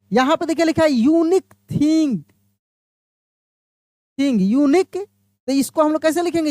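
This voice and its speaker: A woman from India teaches an exam-prep grammar lesson step by step, often posing questions to listeners and then answering them herself. Her voice sits high and a little mellow, recorded at studio quality with no room sound, and she drawls English example phrases out slowly.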